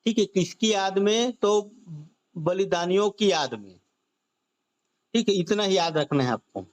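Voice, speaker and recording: A man with a high, animated voice, speaking a little slowly, teaches an online exam-prep class on current affairs. He drills students with repeated questions and stretches out key phrases.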